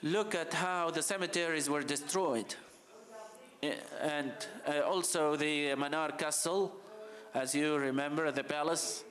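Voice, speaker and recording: A man from Libya gives a conference talk with slides, speaking passionately and urgently, halting often with fillers. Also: on the high side, steady tone, fairly bright tone. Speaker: heritage official presenting.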